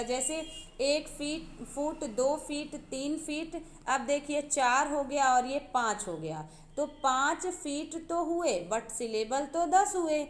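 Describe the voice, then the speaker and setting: A woman's voice: sits high, echoey room, a little hiss or hum. A woman teacher giving an exam-prep literature lecture, explaining step by step and repeating key terms.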